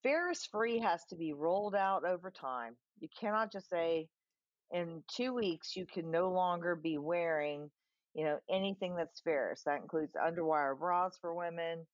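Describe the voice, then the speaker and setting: A woman's voice: fairly low pitch, moderate pace, no room sound, lo-fi sound. A woman on a panel discussion, talking earnestly with many fillers. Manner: earnest, filler-heavy, conversational.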